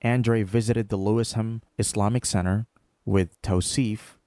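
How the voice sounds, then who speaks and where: A man narrating a short documentary profile in a measured, scripted voice-over. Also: fairly low pitch, steady tone, dark tone, dry recording, studio quality.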